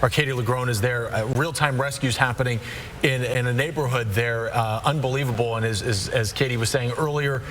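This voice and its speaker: A man anchoring unscripted live news coverage, conversational and halting, often repeating words. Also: mid-range voice, fairly even intonation, background noise.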